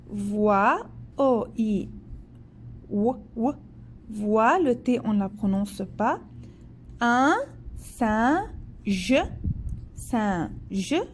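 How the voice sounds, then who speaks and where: Slow, patient woman teaching French to children. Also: on the high side, darkish tone, a little hiss or hum. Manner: slow, patient, spells out letters and silent endings. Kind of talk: slow read-aloud French lesson for children, with English glosses.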